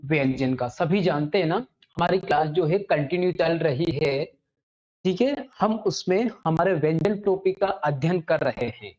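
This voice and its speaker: A woman teaching a Hindi grammar lesson to students. She often checks in with "ठीक है?" and slows right down to spell out sounds and definitions. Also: low-pitched, a little mellow. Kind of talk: online classroom lesson. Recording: slightly dull lo-fi audio.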